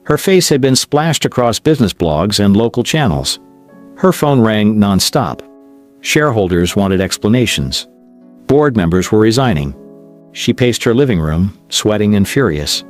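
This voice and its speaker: A man narrating a drama story in a measured, expressive way. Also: fairly low pitch. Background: faint music.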